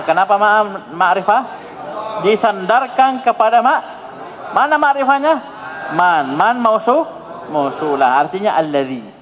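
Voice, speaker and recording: In a classroom grammar drill, an Indonesian man who teaches Arabic grammar keeps firing questions at his students, brisk and coaxing. His voice sits high, captured in dull, lo-fi sound with a long hall reverb.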